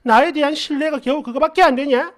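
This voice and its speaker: A woman's voice: fairly high pitch, very animated, slow, a little mellow, exaggerated voice. A male narrator voicing a tearful, demanding young girlfriend who complains and pleads in a whiny, accusing way. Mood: tearful pleading.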